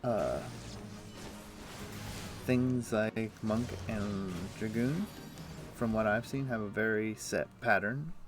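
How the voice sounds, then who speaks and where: Music plays under a man with a lowish voice who takes his time and pauses often. He's on a headset at home streaming a game, relaxed and chatty, working through his thoughts with many ums and uhs.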